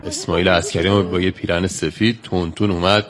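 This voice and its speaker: A man's voice: low-pitched, level tone, over loud music. A man giving teasing play-by-play commentary on a contestant walking on stage. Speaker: backstage commentator. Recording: crowd noise behind.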